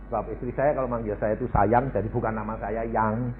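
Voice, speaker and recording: A man's voice: on the low side, fairly even intonation, a little fast, phone-quality sound, over music. An Indonesian preacher, telling folksy stories in a sermon to his congregation.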